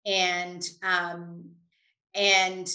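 Speaking very slowly in a low, level, bright and forceful voice, a middle-aged American woman gives self-assured, emphatic answers as a finance expert interview guest. She's on a video call indoors in a home room, picked up by a computer at desk distance, with a roomy, echoing sound.

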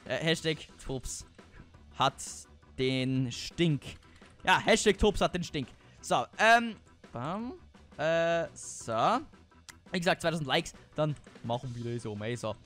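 A man's voice: fairly high pitch, expressive, slow, a bit bright, soft background music. A young man hosting a casual game video, rambling and talking to himself with many fillers. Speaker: gaming video host. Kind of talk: casual let's play commentary.

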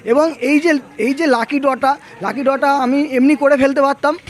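A man's voice: extremely high pitch, fairly even intonation, normal speed. A man with a West Bengal Bengali accent giving a promotional interview as a shop owner, emphatic and repetitive, mixing in English words. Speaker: mobile showroom owner. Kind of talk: promotional interview, recapping a prize draw.

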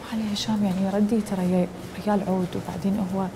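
Actress doing a young woman, earnest, quick, noisy background. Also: mid-range voice, level tone, lightly acted. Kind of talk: TV drama acting.

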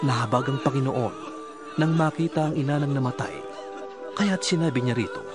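A man's voice: medium pitch, brisk. A man reading a Bible narration, telling the story steadily. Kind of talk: scripted narration. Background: music.

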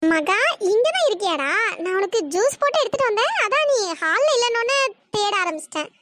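A gentle, kindly mother in a cartoon, voiced by a performer. She speaks softly and warmly to a guest, in a voice pushed very high. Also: big pitch swings, a little fast, heavy background noise. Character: kindly middle-aged mother.

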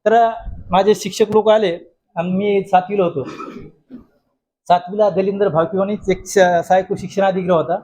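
A man's voice: high voice, moderate pace. A man giving a humorous motivational speech to college students, telling a folksy story and acting out the quotes. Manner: folksy, lively anecdote-telling with acted-out quotes. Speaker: guest speaker at a college.

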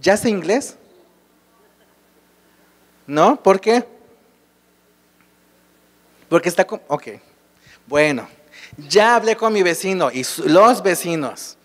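A man with a Mexican accent speaks to a live audience at a state congress, his voice sitting fairly high for a man. He keeps quizzing the room with rhetorical questions as he explains his points. The sound trails off in the long reverb of a large hall. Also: expressive, slow, pauses often, a bit bright. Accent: Mexican Spanish. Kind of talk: conference talk to a live audience.

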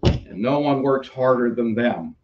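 Older new york pastor preaching, slow easygoing talk, kinda muffled church mic sound. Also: male voice, medium pitch, expressive, noisy background. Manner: conversational, unhurried preaching with asides. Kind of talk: sermon. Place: church sanctuary with pulpit. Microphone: stand mic at pulpit, preacher moving about.

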